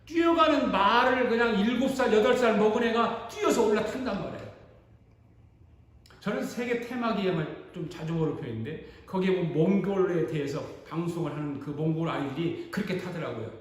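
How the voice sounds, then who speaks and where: With a high, brisk voice, a male pastor retells a story with lively drama in the middle of a sermon. The setting is a church sanctuary, and the sound bounces around an echoey hall.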